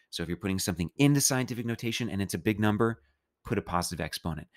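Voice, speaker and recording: Low-voiced casual chemistry teacher. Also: male voice. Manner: casual, playful explaining with a loose, chatty delivery. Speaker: chemistry instructor. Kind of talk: recorded math lecture.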